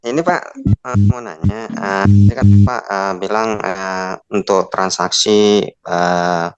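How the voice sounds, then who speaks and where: A man's voice: low voice, slow, lo-fi sound, faint music behind. A man calling in to an online meeting with hesitant questions, his audio choppy and breaking up over the connection. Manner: hesitant, many fillers. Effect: choppy audio that breaks up over a call connection. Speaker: caller asking a question.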